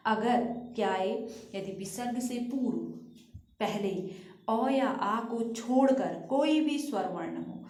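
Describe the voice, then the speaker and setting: A woman teacher walks through grammar rules at an unhurried, deliberate pace. She keeps asking questions and then answers them herself. Her voice rings in a roomy, echoey space. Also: a little high, darkish tone. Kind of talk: Sanskrit grammar lesson.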